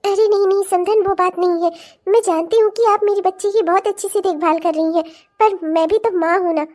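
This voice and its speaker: A woman's voice: very high voice, steady tone. A woman voicing a protective cartoon mother. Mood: polite. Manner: tender, warm-hearted, quick to defend. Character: fond, protective middle-aged mother of the bride.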